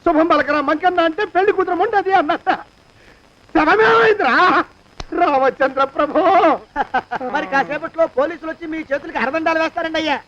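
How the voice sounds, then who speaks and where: An actor playing an excitable, quarrelsome man in a comedy film, exclaiming and bickering in film comedy dialogue. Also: extremely high pitch, a little fast, lo-fi sound. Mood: excited.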